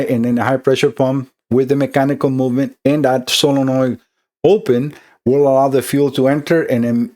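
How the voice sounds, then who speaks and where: With a warm tone and an average male pitch, a middle-aged Costa Rican man explains a repair walkthrough for electronics in his native Costa Rican Spanish accent. He talks it through step by step, conversational and prone to fillers and restarts.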